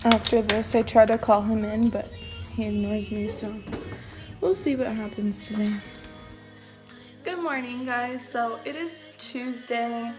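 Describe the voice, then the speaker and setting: A woman's voice: a little high, fairly even intonation, unhurried, over music. A young woman with a Valley girl accent, chatting casually and upbeat to her vlog viewers, full of likes and ums. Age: young adult. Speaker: vlogger.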